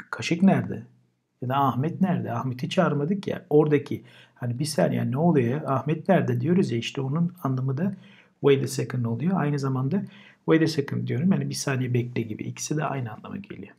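A man's voice: mid-range voice, fairly quick, creaky, a little mellow, slightly rough. A man teaching English vocabulary in a casual lesson. He says each word twice and then explains it. Turkish is his first language.

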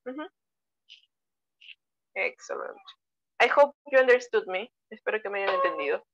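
A woman's voice: medium pitch, expressive, measured pace, a bit bright, highs cut off, slight background noise. A woman with a Peruvian Spanish accent teaching English online, explaining grammar step by step and praising her students. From Peru. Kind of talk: bilingual online English lesson.

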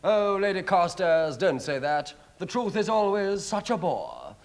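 Stage comedy: languid, self-admiring aristocrat, witty, lightish pitch with animated swings. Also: male voice, measured pace, full character voice. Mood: smug. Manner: arch, self-admiring, epigrammatic. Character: languid, vain, wicked aristocratic wit. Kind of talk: Wilde parody stage comedy.

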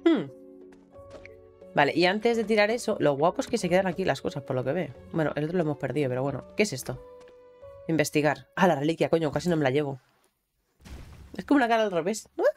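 A woman with a Spain Spanish accent chats her way through a video game, bursting into exclamations and casual swearing. Her voice sits low but swings widely in pitch. Faint game music plays beneath her. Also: expressive, quick pace, long pauses. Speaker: gaming streamer. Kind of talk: casual gameplay commentary.

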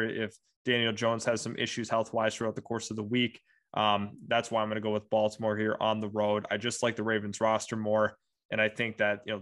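Flat-voiced young man breaking down games. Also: fairly low pitch. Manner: many fillers like "you know", steady analytic tone. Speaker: sports podcast co-host. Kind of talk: casual sports analysis.

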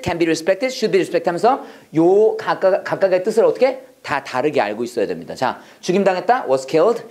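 An English prayer instructor giving a classroom lecture, drilling phrases call-and-response style, urging the class to go faster, and breaking in with joking asides. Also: mid-range voice. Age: adult, past seminary studies. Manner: energetic, coaxing, repeats drill phrases and urges speed; jokey asides and chuckles between drills.

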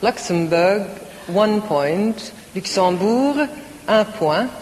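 Woman presenter, slow bilingual score reading, live hall broadcast with audience. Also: mid-range voice, animated, darkish tone, slight background noise. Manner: repeats each score in English then French, measured. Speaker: contest presenter. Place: large concert hall.

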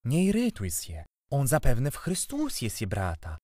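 A man reading an audiobook, voicing a kindly middle-aged aunt who speaks in a gentle, placating way. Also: medium pitch, wildly swooping pitch, measured pace, dry recording, studio quality, pitched above the performer's own voice. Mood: soothing.

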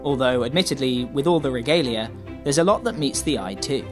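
A man's voice: medium pitch, lively intonation, a little fast. A man reading scripted narration for a feature report as its reporter. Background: music.

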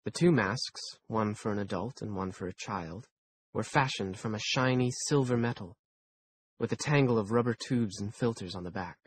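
A male audiobook narrator tells a first-person story in a measured, dry way. His voice is fairly low and a little husky. He reads at an even pace.

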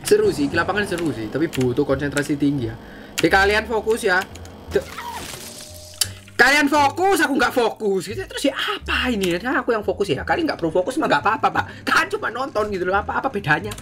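A woman with a Javanese-inflected Indonesian accent, giving excitable gameplay commentary, often shouting and fretting and dropping English slang. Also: mid-range voice, quick pace, background noise. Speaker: gaming YouTuber.

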